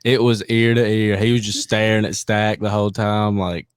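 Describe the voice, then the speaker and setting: A man's voice: lowish voice, little pitch movement, normal speed, clear, resonant tone, no echo, clean studio sound. A man hosting a casual interview, asking questions and playfully teasing his guest. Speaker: podcast host.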